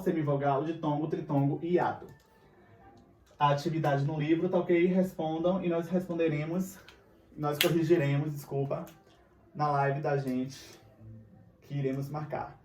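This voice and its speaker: A man's voice: a little high, a little mellow, far from the mic, a little hiss or hum. A man with a Brazilian Portuguese accent teaching a recorded grammar lesson, patient and often checking in with his students. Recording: echoey room, voice away from mic.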